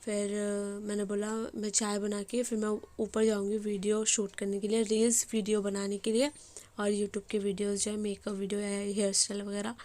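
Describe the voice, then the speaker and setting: A young woman with a hoarse voice, chatting casually as she narrates her day in a home vlog. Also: mid-range voice, completely flat delivery, normal speed, warm tone. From Bengali family. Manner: chatty, rambling with fillers. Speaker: vlogger.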